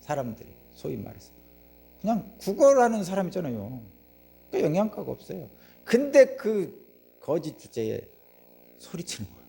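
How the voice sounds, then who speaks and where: A man's voice: high-pitched, huge pitch swings, moderate pace, creaky, long pauses, mellow. A man preaching a sermon as pastor, telling the story vividly, asking the congregation questions and acting out the voices of the crowd.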